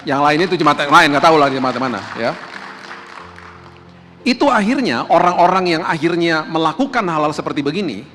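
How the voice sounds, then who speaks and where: A man's voice: a little high, fairly bright tone. A middle-aged male pastor preaching a sermon in a casual, conversational way, acting out the voices of the people he quotes. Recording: long hall reverb, faint background noise.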